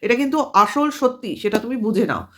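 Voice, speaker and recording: Lady vlogger ranting fast, kinda high voice, keeps firing questions at someone. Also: lively intonation. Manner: combative, lecturing with rhetorical questions. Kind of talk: commentary monologue to camera.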